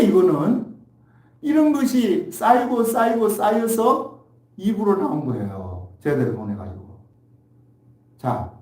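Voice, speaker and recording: A male pastor delivering an animated Sunday sermon in a fairly high but mellow voice. He acts out quoted speech and throws questions at the congregation. The sound is roomy and picked up from some distance in a church hall. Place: church sanctuary. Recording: echoey hall, mic from far off.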